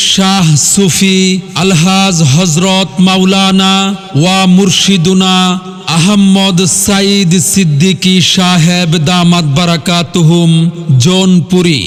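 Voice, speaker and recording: A man with a high voice makes a public announcement through a loudspeaker. He draws every phrase out slowly in a steady, almost unvarying chant. His voice carries a long reverb over faint music. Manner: slow, drawn-out, chanted delivery. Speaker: event announcer.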